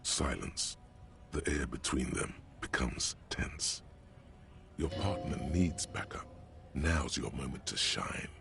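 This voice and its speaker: Brief: a grave game narrator, extremely deep and gravelly, deliberate pacing. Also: male voice, expressive, over music, exaggerated voice.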